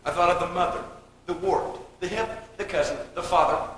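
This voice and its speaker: A man's voice: high voice, fairly bright tone, slight background noise. A young man acting in a school stage play, playing a flustered, bossy man who snaps at the others. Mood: exasperated. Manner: exasperated, bossy, fast-talking. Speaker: actor in a high school play. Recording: echoey school auditorium, long reverb.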